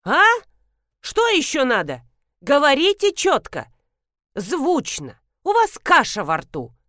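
A woman voicing a grumpy, half-deaf elderly woman pharmacist who scolds loudly and demands people speak up. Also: sits high, huge pitch swings, takes it slowly, dry recording, clean studio sound, voice pushed up, exaggerated voice. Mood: scolding.

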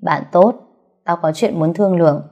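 A smug, scheming young woman who talks in a sly, sneering way, as a woman narrator puts her on. Her voice is low and mellow, with faint music under it. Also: normal speed. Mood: mocking.

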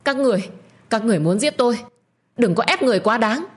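A woman voicing a defiant young female servant in an audio story, shouting and shrieking frantic accusations. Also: animated, normal speed, husky. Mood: furious. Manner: screaming accusations, shrill and frantic.

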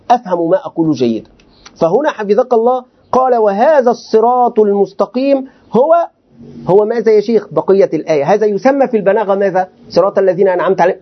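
A man's voice: high-pitched, lo-fi sound. A man, a sheikh, lecturing students on Quranic commentary and asking them rhetorical questions. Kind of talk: classroom lecture.

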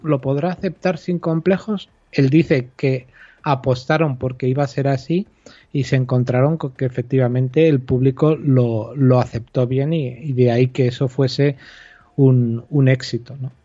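Man, mellow dark tone, explanatory podcast chat, repeats words while thinking, dry dull recording. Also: mid-range voice, steady tone, normal speed, dry recording. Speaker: podcast co-host discussing film. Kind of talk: casual film podcast chat.

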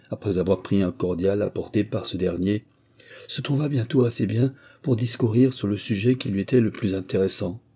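Man with a dark, husky voice. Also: on the low side. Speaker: audiobook narrator. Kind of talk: reading a classic novel.

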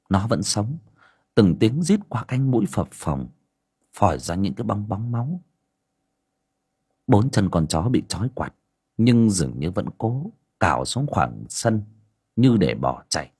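Low, husky male storyteller. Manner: expressive, dramatic. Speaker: audiobook narrator. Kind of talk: storytelling narration.

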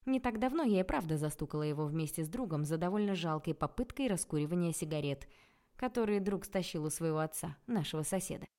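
A woman narrating a first-person audiobook in a lively, ironic storytelling manner. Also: fairly low pitch, quick pace.

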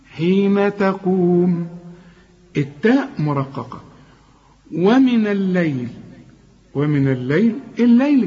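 High-voiced Egyptian sheikh drilling recitation. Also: male voice, a little mellow, highs cut off. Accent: Egyptian Arabic. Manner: drills words slowly, then explains in quick colloquial asides; corrective, direct to the learner. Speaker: Quran teacher. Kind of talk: tajweed recitation lesson.

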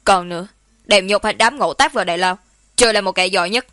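A woman's voice: mid-range voice, steady tone, brisk, a bit bright, no echo, clean studio sound, natural voice. A woman voicing a stern young noble investigator in an audiobook, giving cold orders in a raised voice. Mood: cold anger. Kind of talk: audiobook character reading.

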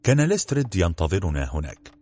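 A man narrating a storybook in an expressive, measured reading. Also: deep voice, slight background noise. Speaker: audiobook narrator.

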